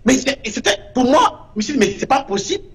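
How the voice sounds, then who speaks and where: A man's voice: extremely high pitch, big pitch swings, fast. A man, a guest artist in an interview, speaking with emphasis and repeating short verdicts. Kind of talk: impassioned interview talk.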